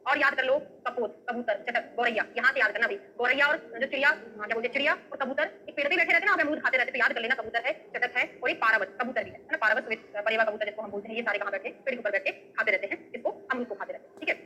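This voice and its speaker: Brief: woman lecturer, bright, fairly high voice, checks in with the class, uses memory tricks. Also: racing, few pauses, a little hiss or hum, rough recording. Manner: asks students questions and checks with "है ना?"; memory tricks and everyday examples. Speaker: Ayurveda teacher. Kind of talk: online exam-prep lecture.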